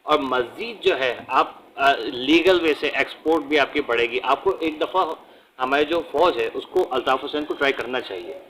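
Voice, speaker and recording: A man's voice: mid-range voice, normal speed, slight background noise, low-quality recording. Blunt ranting man with Urdu accent. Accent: Pakistani Urdu. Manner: animated, blunt and ranting, with frequent tag questions. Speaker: political vlogger. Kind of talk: opinionated casual commentary to camera.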